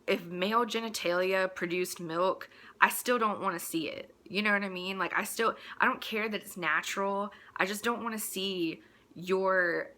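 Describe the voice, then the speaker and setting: In her own casual rant, a host with a bright, forceful, mid-range voice talks at normal speed. She airs strong opinions bluntly and crudely, sounding exasperated and tossing off mocking remarks.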